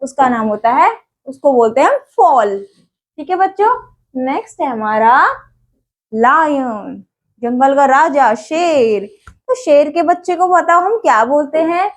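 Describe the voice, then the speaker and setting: A woman's voice: high-pitched, expressive, measured pace. A woman teaching young children in a coaxing, questioning way, asking things and answering them herself. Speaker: online school teacher. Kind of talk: children's English vocabulary lesson.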